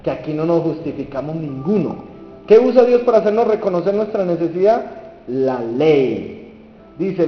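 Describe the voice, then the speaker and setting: A man preaching a sermon, asking the audience questions and acting out the people he quotes. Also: on the high side. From Colombia. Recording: dull reverberant hall with faint music.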